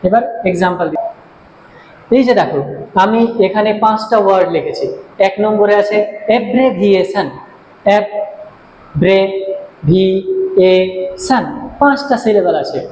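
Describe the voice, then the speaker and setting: A man teaching English in a slow classroom explanation, speaking with a Bengali accent and counting out syllables one by one. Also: high voice, animated, a little mellow. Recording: echoey room with faint background hiss.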